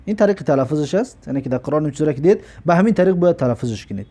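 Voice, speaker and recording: A man with a Tajik accent teaching the Arabic alphabet, explaining patiently and repeating each letter with a slow, stretched pronunciation. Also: fairly high pitch, animated, dark tone. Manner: patient, repeats letters and drawls them out slowly. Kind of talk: step-by-step alphabet lesson.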